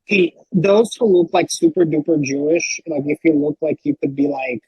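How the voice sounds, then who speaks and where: A man with a fairly high, husky voice chats as a podcast guest, rambling and animated and leaning hard on filler words. The sound is dull and lo-fi in a dry room. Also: normal speed, no room sound. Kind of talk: casual podcast chat.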